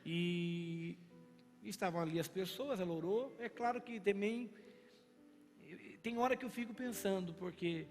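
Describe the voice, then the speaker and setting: A male pastor with a Brazilian Portuguese accent, his voice sitting high. He preaches in an animated, storytelling way and acts out the dialogue. The church sanctuary adds a long reverb, with faint music playing under him. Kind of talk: sermon.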